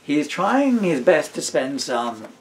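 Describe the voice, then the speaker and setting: A fairly high-pitched, very animated middle-aged British man speaks at a measured pace, reading his own comic writing and chatting casually as he wanders into playful asides. The father, author and stage performer is on a camera mic with a bit of hiss or hum.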